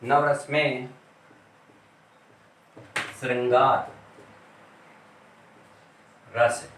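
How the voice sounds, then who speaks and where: Slow, echoey teacher at a board. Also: male voice, mid-range voice, flat delivery, fairly bright tone, far from the mic, slight background noise. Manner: slow, deliberate, repeats words while writing on a board. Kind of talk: classroom grammar lesson.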